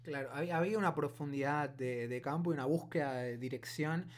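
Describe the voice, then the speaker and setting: A man with a Buenos Aires Spanish accent co-hosting a casual podcast, talking in a rambling, halting, colloquial way. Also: on the high side. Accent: Buenos Aires Argentine Spanish. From Buenos Aires, Argentina. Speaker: podcast co-host. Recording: clearly noisy with a hum.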